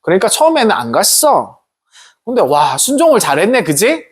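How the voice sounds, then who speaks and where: A man preaches to students in a storytelling way, often asking them questions. His pitch swings widely as he tells the story. His voice has a husky grain. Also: normal speed. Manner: animated storytelling with questions to the audience. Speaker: pastor. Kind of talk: sermon to students.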